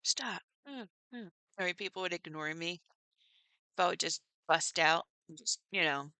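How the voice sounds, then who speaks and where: A middle-aged woman hosting her first livestream, talking to viewers by name and laughing often. Her voice sits fairly low yet sounds bright and smooth, with plenty of gravelly fry. The sound is close and dry. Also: fairly even intonation, normal speed, no echo. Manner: chatty, laughs often, warm toward viewers. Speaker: livestream host. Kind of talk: casual chat with live viewers.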